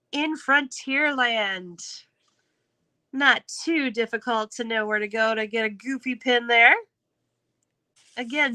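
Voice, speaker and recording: Bright, high-pitched upbeat woman host. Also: poor audio. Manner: upbeat, chatty, laughs often. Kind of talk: live game-show hosting.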